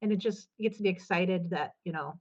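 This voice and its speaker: A woman's voice: lowish voice, normal speed, darkish tone, dull audio. A woman guest, a business coach, talking in a casual podcast chat with an upbeat, emphatic, motivational manner.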